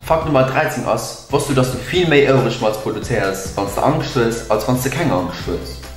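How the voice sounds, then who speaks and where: A man's voice: mid-range voice, moderate pace. A young adult man with a Luxembourgish accent, co-hosting a video and casually presenting facts and tricks. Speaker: video co-host. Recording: echoey room with music behind. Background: music.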